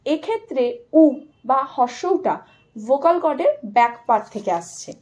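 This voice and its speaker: Lively high-voiced woman teaching pronunciation. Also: normal speed. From Bengal. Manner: lively and animated, stretching out example words for emphasis. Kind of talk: explanatory lesson, addressing viewers as friends.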